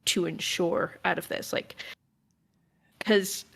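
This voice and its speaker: A woman's voice: lowish voice, fairly even intonation, slow, gravelly, fairly bright tone, husky. A woman playing a tabletop role-playing game, chatting casually and rambling with lots of fillers. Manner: rambling, with many fillers and restarts.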